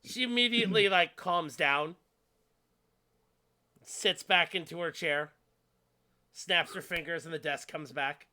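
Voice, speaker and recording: A man's voice: a little high, measured pace, pauses often, pushed and bright. A man acting as game master, narrating a tabletop role-playing session in casual talk.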